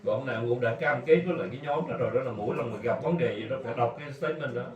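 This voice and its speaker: Guy interpreting live super fast, stumbles and repeats words, echoey muffled hall with a crowd. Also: medium pitch, recorded from a distance. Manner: rapid, with many repeated words and fillers. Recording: dull, echoey hall audio from afar, crowd behind.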